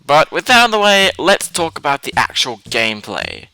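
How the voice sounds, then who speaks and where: A man's voice: fairly high pitch, huge pitch swings, normal speed, over music, poor audio. A man giving a casual spoken game review, blunt and opinionated, swearing now and then.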